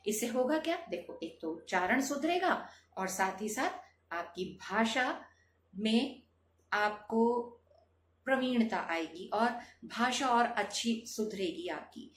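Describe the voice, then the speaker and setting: A woman's voice: a little high, echoey room, slight background noise. A woman teaching a Hindi lesson to students, calling them children and asking rhetorical questions.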